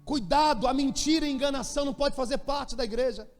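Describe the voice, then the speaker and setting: A Brazilian man preaching in a church, with a strikingly high voice for a man. His sermon is animated and full of humorous stories. The sound carries a long hall reverb. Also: fast talker. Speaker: pastor.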